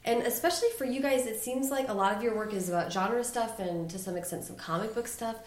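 An enthusiastic woman hosts a podcast interview with a mid-range voice and a bright, upbeat manner. Her voice carries a noticeable room echo. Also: a little high, fast talker. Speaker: podcast host. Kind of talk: casual interview.

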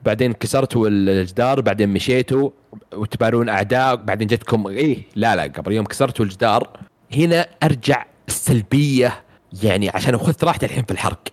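A man's voice: on the low side, fast talker. A man recapping a video game plot in casual chat, rambling with many fillers and restarts.

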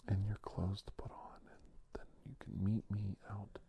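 A man whispering softly in an ASMR massage roleplay, gently narrating each step to a client. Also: lowish voice, level tone, moderate pace, creaky. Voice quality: soft whispering, gentle and chatty.

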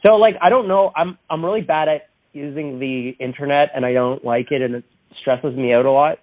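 Guy on a tinny phone call, dry close sound, rambly and self-deprecating, medium pitch. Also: a little fast, no room sound. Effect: heard over a phone line. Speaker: interview guest, musician. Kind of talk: casual chat. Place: at home indoors.

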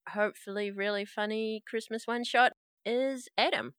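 A bright, dry-sounding woman runs the table as game master and host. She narrates the scene in a laid-back, joking way and stumbles now and then. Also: on the high side, steady tone, moderate pace, smooth, no room sound.

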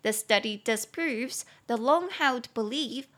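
A young woman with a Taiwanese Mandarin accent teaches English on a podcast. Her voice sits a little high, and she talks in a chatty, lively way. She spells words out letter by letter and slows down to repeat key words. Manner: chatty, lively explanations with playful acted examples.

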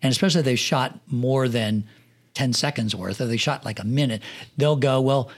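A middle-aged man of ordinary pitch spins long, meandering stories in a relaxed interview. He fills gaps with "um" and "you know" and restarts his sentences as he goes. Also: a little fast. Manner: rambling anecdotal storyteller, many fillers. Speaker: film production manager guest. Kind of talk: casual podcast interview.

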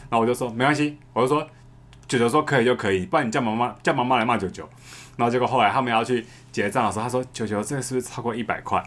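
A man, telling a story in a casual podcast chat, fast, repeating words and laughing often. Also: mid-range voice, fairly bright tone. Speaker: podcast co-host.

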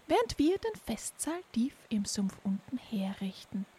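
A bossy old mother toad from a storybook, ugly and plotting, who croaks her orders in a shrill, high voice that swoops all over the place. Her fussy delivery sounds a little off-mic, as a woman reading the tale puts her on. She drawls slowly. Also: very animated, dark tone, heavily acted. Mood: scheming. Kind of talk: storybook character voice.

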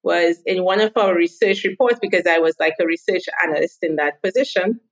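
A woman's voice: lowish voice, fairly quick, poor audio. A woman in her thirties from Trinidad and Tobago, chatting as a podcast guest and telling stories from her work. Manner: chatty storytelling. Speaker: guest, marketing consultant. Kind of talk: podcast interview.

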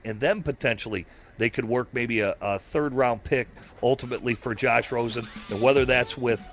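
A man's voice: medium pitch, a bit bright. A man analyzing football on a radio show, rambling through long analytical points. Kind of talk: sports radio talk.

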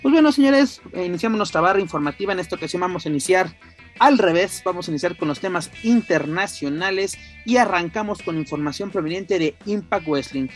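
A man's voice: sits high, fast talker, hardly any pauses, faint music behind. A Mexican man hosting a show in the style of a lucha libre announcer, with formal, ceremonious introductions. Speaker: podcast host.

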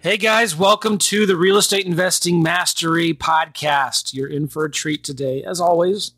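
A man's voice: fairly high pitch, steady tone, normal speed, a bit bright, breathy edge, faint music behind. A man hosting a podcast, chatty and upbeat, often laughing as he talks. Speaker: podcast host. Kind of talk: casual podcast interview.

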